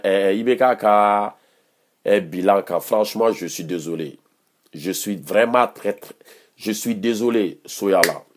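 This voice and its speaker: A man's voice: on the low side, a little mellow. A man with a Malian accent giving heated political commentary, combative and mocking, repeating phrases for emphasis.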